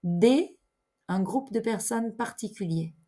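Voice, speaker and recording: A woman's voice: medium pitch, slow pace, a little mellow. A woman teaching French, reading example phrases one by one with careful enunciation. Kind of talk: slow, clear language lesson.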